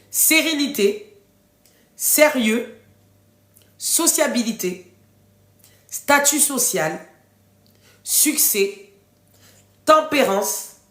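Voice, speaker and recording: A woman coach reading out a list of values in a slow, deliberate way, one word at a time. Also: on the high side, fairly bright tone. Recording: echoey room.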